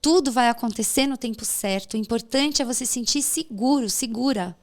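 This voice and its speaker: Woman, slightly high pitch, podcast guest, reflective advice, encouraging, frequent tag questions. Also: normal speed.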